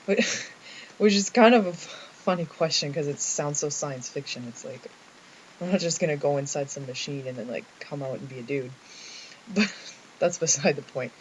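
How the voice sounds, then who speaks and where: A man's voice: on the high side, moderate pace. Hesitant young man with Canadian accent. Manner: hesitant, thinking aloud with many ums and likes. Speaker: vlogger. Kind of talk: casual talking-to-camera video diary. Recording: muffled lo-fi recording with faint hiss.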